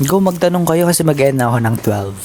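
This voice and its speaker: A man's voice: fairly high pitch, fast talker. Playful man chatting on a noisy livestream. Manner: playful and teasing, talks straight to viewers. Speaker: livestreamer reading viewer comments. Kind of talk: casual livestream chat. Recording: steady background noise with clicks.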